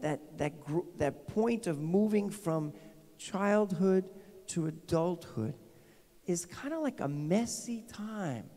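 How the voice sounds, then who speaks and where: In a big, ornately decorated sanctuary, a New Jersey-accented pastor in middle age preaches a chatty homily through a handheld microphone. His voice is pitched a bit high but sounds gravelly and mellow, echoing with long church reverb. His style is informal, full of repeated restarts and questions aimed at the pews.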